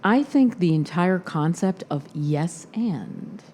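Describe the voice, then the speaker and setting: Female podcast host, loose and chatty, slightly low voice, light background hiss. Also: lively intonation, slow pace, darkish tone. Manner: chatty, laughing, heavy on fillers. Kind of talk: casual podcast chat.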